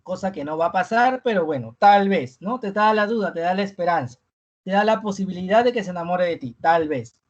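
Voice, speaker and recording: The recording, with its highs cut off, captures a teacher reviewing material in a live online class. Pitched at a medium level and lively in intonation, they end most phrases with a questioning "¿no?" and repeat key terms slowly.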